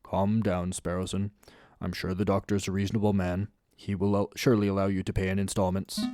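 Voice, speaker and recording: A man's voice: low voice, flat delivery, a little fast, mellow, no room sound, lightly acted. A man voicing a stern, impatient male lawyer in a dry, dismissive way. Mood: gruff. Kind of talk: reading game dialogue aloud.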